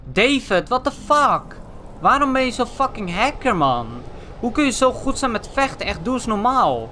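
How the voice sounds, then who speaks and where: A young man from the Netherlands giving excitable, foul-mouthed let's play commentary, tossing in English slang. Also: extremely high pitch, normal speed, slight background noise. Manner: excitable, swears a lot, drops English slang. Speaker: gaming channel host.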